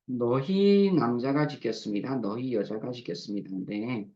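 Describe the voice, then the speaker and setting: A man teaching a grammar lesson, patiently breaking words into syllables and repeating them slowly for drill. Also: medium pitch, dark tone, lo-fi sound. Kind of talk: recorded lecture explaining verb forms.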